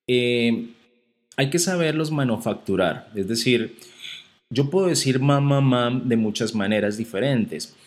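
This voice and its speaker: A man teaching singing, walking listeners patiently through vocal exercises. He checks in with short tag questions and breaks into brief sung warm-up syllables to demonstrate. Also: medium pitch. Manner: explanatory, frequent tag questions. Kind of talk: instructional vocal lesson.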